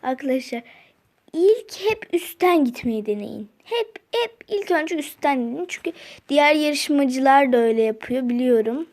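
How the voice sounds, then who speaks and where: A young woman giving casual gameplay commentary, often frustrated and muttering to herself to stay calm. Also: high-pitched, moderate pace. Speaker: gameplay video creator.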